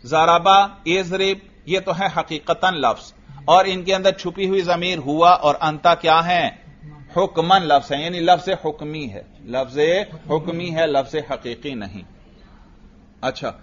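Male teacher, Pakistani Urdu accent, fairly high voice, patient classroom lecture, asks and answers his own questions, muffled lo-fi sound.

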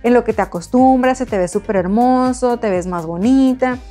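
A woman's voice: on the high side, moderate pace, mellow, soft background music, lightly acted. A woman voicing a female hairstylist who coaxes and reassures in a sweet, gushing way. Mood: coaxing.

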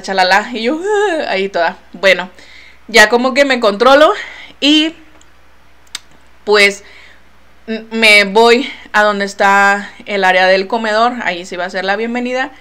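A woman's voice: medium pitch, smooth. A young woman with a Mexican accent tells a personal story to her viewers in casual chat, acting out what each person said and trailing off with filler phrases, recorded on her laptop mic. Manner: animated, acts out quoted voices, trails off with "bla, bla, bla". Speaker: vlogger.

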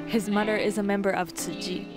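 A woman reading a scripted news voice-over in an even, measured way. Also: mid-range voice. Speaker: news narrator. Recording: voice-over with loud music bed.

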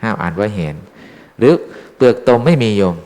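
Chatty monk in a reverberant hall. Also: male voice, fairly low pitch, very animated, fast, a little mellow. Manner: chatty, teasing the audience with questions. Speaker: Buddhist monk teaching dharma. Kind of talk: informal dharma talk to lay followers. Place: temple hall.

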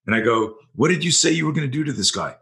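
A man's voice: medium pitch, animated, quick pace, gravelly, fairly bright tone. A man telling blunt, profane stories as a self-defense instructor on a podcast. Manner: blunt, profane, vivid storyteller. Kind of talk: storytelling in a podcast interview.

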